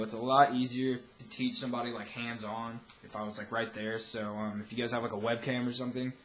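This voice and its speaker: A man's voice: mid-range voice, a bit bright. A young man giving a casual, loosely rambling tutorial as a vocal instructor. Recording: roomy echo, faint background noise.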